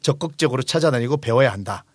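A man in his forties, who hosts a book discussion show and owns a restaurant, explains ideas in a conversational, emphatic way. His medium-pitched voice is expressive and fast, captured in a dry, clean studio recording.

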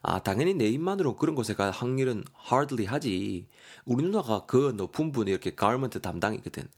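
A man's voice: mid-range voice, expressive, fairly quick, slightly rough. A man voicing a young man with an upset stomach, groaning and chatting casually. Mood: chatty.

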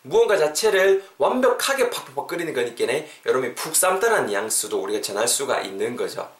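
A man hosting a casual English lesson podcast, animated and mixing English phrases into his explanations. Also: medium pitch, fast talker. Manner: animated, spells words out, mixes English phrases. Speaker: English teacher podcast host. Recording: roomy echo.

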